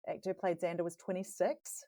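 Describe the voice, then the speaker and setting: A woman's voice: fairly low pitch, little pitch movement, a little fast, warm tone, dry recording. A woman guest on a podcast, explaining things thoughtfully in casual chat, with frequent fillers.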